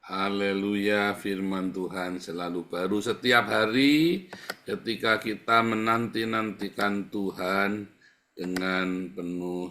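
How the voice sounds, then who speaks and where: Man, pastor, sermon, bright tone, repeats lines for emphasis, dynamic delivery. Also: lowish voice, a little hiss or hum. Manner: emphatic preaching, repeats phrases, swings from quiet to loud.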